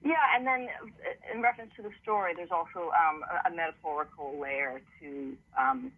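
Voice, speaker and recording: A man's voice: sits high, expressive, moderate pace, vocal fry. A man, an author, giving conversational, explanatory interview answers over a narrow phone line. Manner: explanatory, storytelling. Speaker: author and TV producer being interviewed.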